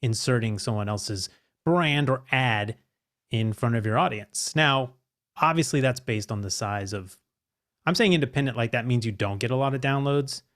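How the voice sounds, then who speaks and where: A man leads a casual podcast roundtable, chatty and quick with a joke. He keeps the talk moving and asks the others to weigh in. His voice sits in a middle pitch. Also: a bit bright. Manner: chatty, joking, leads the discussion. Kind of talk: casual panel chat.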